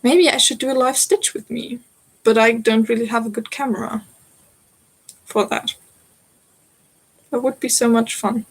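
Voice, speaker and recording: A woman's voice: fairly high pitch, measured pace, pauses often, breathy edge, rough recording. A young woman in her twenties with a German accent, chatting casually and giggling as she hosts a live crafting stream from home. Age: 20s. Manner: chatty, giggly, answers chat comments. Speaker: crafting livestream host.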